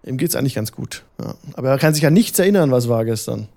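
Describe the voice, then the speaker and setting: A man's voice: medium pitch, animated, quick pace, vocal fry, darkish tone. A man running a tabletop game as game master, improvising narration and chatting informally with short confirmations.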